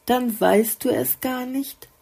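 A woman voicing a gentle, wise female blue flower in a storybook, patiently explaining things. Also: medium pitch, animated, slow pace, creaky, husky, voice pushed up, heavily acted.

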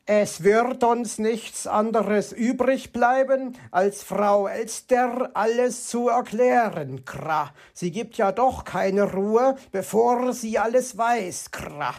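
Reader putting on a grumpy raven guy, slow and higher, croaks krah, storybook. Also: a little mellow. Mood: grumbling. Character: grumpy proud male raven craftsman. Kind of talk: storybook reading.

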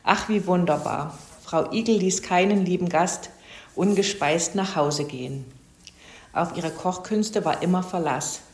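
A woman reading a children's story aloud in a calm, even manner. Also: fairly low pitch, measured pace. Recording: roomy echo.

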